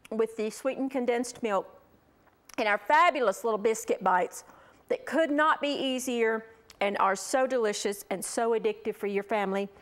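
A middle-aged woman hosting a cooking show, gushing enthusiastically over the food she demonstrates. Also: a little high.

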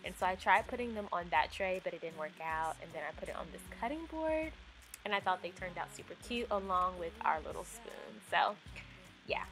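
A young woman narrates the voice-over for her home decorating vlog, casual and upbeat, peppered with "um" and "like." Her voice is on the low side yet a bit bright, animated, and a little fast. The recording is rough, with faint music underneath.

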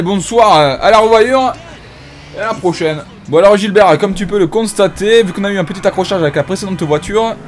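This gaming YouTuber's voice is high and only lightly acted as he takes on a pompous, bumbling French-accented police inspector. His comedic game commentary is mock-solemn and full of hesitant fillers.

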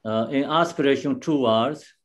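A man giving a dharma teaching as a Buddhist teacher, explaining patiently in simple, non-native English phrasing, with many pauses and restarts. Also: mid-range voice, muffled recording.

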